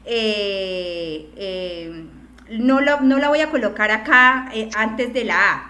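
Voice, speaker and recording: A woman's voice: medium pitch, bright, forceful tone, echoey room, slight background noise. A woman teacher lecturing an online class, explaining step by step and often checking in with questions.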